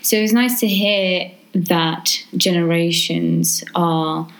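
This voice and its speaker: A woman from Romania, a guest on a podcast, talking in a relaxed, agreeable way and laughing easily. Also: fairly low pitch, slow pace, gravelly, rough recording. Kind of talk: casual podcast conversation.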